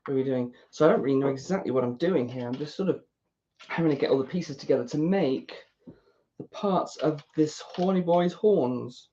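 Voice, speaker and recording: Speaking in a low, mellow voice at a moderate pace, a British woman rambles chattily to herself as she builds a model kit for YouTube, often poking fun at herself. The dull, lo-fi mic picks up slight background noise.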